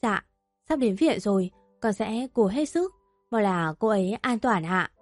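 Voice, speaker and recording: A woman's voice: mid-range voice, lively intonation, measured pace, no room sound, soft background music. Woman doing a young man, urgent, worried, polite, audio story. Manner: urgent, pleading. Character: worried young man, devoted son and lover.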